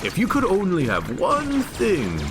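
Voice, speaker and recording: Man playing a tired patient santa, slow fatherly talk, improvised on stream. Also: high voice, huge pitch swings, music in the background, pitched above the performer's own voice, heavily acted. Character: weary mall Santa, older man, patient.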